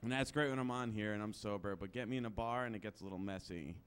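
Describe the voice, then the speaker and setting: A man's voice: lowish voice, smooth. A young man doing a chatty, self-deprecating stand-up set on a comedy club stage into a handheld mic. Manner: quick, chatty, self-deprecating, jumping into voices.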